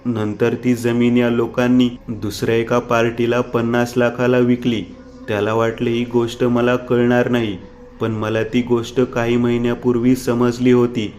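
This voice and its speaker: A man's voice: mid-range voice, monotone, normal speed, darkish tone, slight background noise, natural voice. A man voicing a vengeful schemer who speaks coldly and matter-of-factly.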